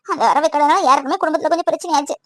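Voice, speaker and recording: A woman's voice: high-pitched, rapid-fire, fairly bright tone, no echo, clean studio sound. A young woman voicing a lonely, tearful girlfriend who complains and pleads with her boyfriend.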